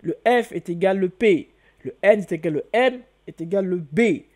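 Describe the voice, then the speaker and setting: A man's voice: high-pitched, expressive, moderate pace, darkish tone. A man hosting an online lesson, talking the viewer through step by step. He repeats key words and exclaims often. He keeps asking the listener questions and answering them himself. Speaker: channel host teaching hieroglyphs. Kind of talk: video lesson.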